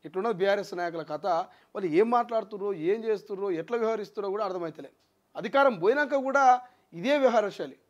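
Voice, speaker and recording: A man's voice: sits high, quick pace. A man giving heated political commentary, full of indignant rhetorical questions and scolding repetition. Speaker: news commentator.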